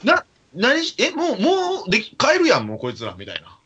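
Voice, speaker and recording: A man telling an animated story in casual chat, acting out the quotes of the people in it. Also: very high-pitched, a little fast, a crowd in the background. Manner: animated anecdote with acted-out quotes. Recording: dull lo-fi recording.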